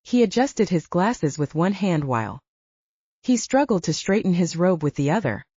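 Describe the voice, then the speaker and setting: A woman narrating an audiobook in an expressive storytelling way. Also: lowish voice, moderate pace, husky, no room sound. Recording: dull lo-fi.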